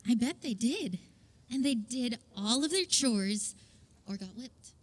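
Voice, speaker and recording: A calm, patient mother who answers her child gently, as a woman plays her in a staged concert reading of a musical. Her voice is fairly high and her delivery is reassuring. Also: unhurried. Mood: gentle.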